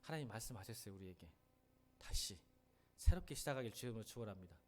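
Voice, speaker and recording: A middle-aged male senior pastor preaching a sermon in a church sanctuary, emphatic and animated, often acting out the lines he quotes. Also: fairly low pitch, quick pace.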